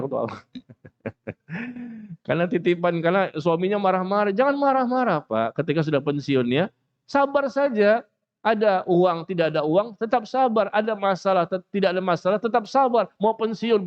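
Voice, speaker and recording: A man giving a mosque lecture, animated and joking, acting out the people he talks about. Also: high voice, normal speed, highs cut off. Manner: animated, jokes, acts out quoted speakers. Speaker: preacher.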